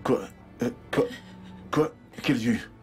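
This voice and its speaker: A man's voice: mid-range voice, slow pace, darkish tone, soft background music, lightly acted. An actor playing an anxious husband in a dubbed drama, soothing his wife while urgently pressing her to keep a secret. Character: anxious husband hiding something.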